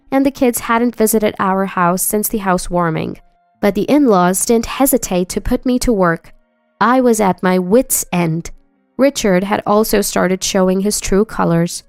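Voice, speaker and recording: A woman narrates a first-person story in an even, scripted delivery. Her middle-pitched voice is smooth and clear, recorded dry and close with no echo, while faint music plays behind her.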